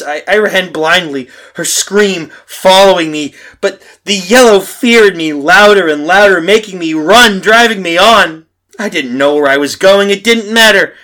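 In a horror radio play, an actor voices a dead man consumed by guilt and terror, narrating melodramatically in halting bursts and repeating phrases. His voice sits high, pushed and bright, and the mood is frantic and tormented.

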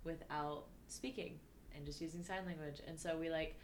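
Lower-voiced woman podcast host. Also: steady tone, normal speed, a little hiss or hum. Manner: easygoing, prompting questions. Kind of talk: casual chat.

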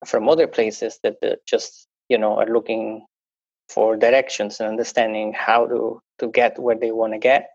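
This is a fairly low, slightly mellow male voice, recorded dry with a dull lo-fi character. He is a guest on a podcast, not a native English speaker, chatting in interview style with frequent fillers and restarts.

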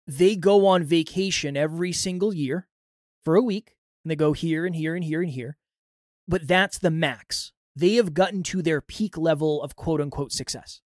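A man's voice: fairly high pitch, no room sound, studio quality. A man hosting a motivational self-improvement podcast, explaining things earnestly in the manner of a life coach. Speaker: podcast host.

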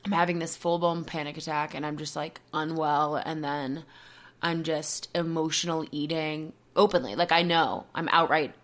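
A woman's voice: low-pitched, fairly even intonation, moderate pace, a bit bright. A woman podcast host speaking openly and reflectively in a personal monologue, full of casual "like" fillers. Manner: open, reflective, many "like" fillers.

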